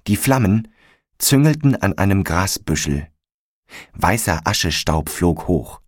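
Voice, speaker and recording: A man narrating a story in a calm, measured audiobook style. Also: fairly low pitch, breathy edge, dry recording, studio quality.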